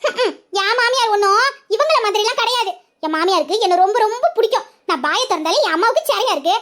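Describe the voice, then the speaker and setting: A woman's voice: very high-pitched, lively intonation, fast talker, a bit bright. A woman voicing a cheeky, sulky young bride-to-be who teases and boasts. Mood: boastful. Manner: teasing, boastful.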